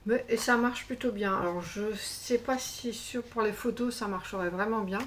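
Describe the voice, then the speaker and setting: A woman craft vlogger talks casually through her shopping haul at a mid pitch. She rambles, corrects herself and fills pauses as she goes. A faint hiss of background noise sits under her voice. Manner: chatty and rambling, many fillers and self-corrections. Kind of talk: casual haul chat to camera.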